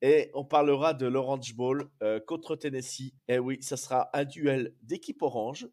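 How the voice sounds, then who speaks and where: A man hosting a casual sports fan talk show, slightly hoarse from a cold, talking in a rambling, excitable way and repeating himself. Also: mid-range voice, a little slow. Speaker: host.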